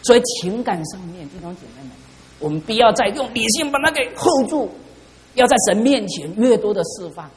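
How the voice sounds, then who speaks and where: Fervent high-voiced man preaching in echoing hall. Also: animated, brisk. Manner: fervent, call-and-response, leads congregation. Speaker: pastor. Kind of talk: sermon. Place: church hall. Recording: reverberant church hall.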